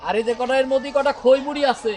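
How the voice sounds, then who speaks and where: Casting: actress as worried, doting rural mum, very high voice, fretful, sentimental drama with music under it. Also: female voice, steady tone, fast, darkish tone, natural voice. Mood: fussing. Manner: fretful, nagging with repeated warnings. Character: anxious, doting village mother seeing her grown son off.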